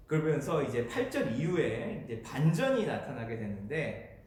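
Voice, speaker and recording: A man's voice: medium pitch, sing-song, moderate pace, a little mellow. A man preaching a sermon in a church in a casual, conversational way, often chuckling and inviting the congregation to read along. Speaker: pastor. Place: church sanctuary. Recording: echoey church hall.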